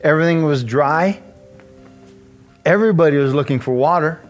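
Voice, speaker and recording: A man's voice: a little high, moderate pace, soft background music. A male pastor preaching a sermon, chatting with the congregation, chuckling and asking them questions as he reads scripture.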